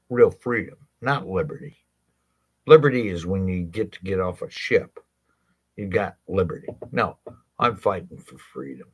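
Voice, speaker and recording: Slow, husky, low-voiced man. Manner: blunt, impassioned, swears freely, asks rhetorical questions. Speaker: legal rights advocate addressing viewers. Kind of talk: direct-to-camera monologue.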